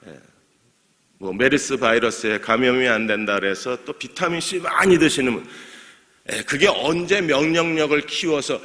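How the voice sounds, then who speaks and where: Man, pastor, bright forceful voice, sermon with questions to the congregation, echoing church hall. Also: medium pitch, normal speed. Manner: asks the congregation questions and answers them himself; jokes lightly and laughs with the congregation. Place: church sanctuary. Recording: long church hall reverb.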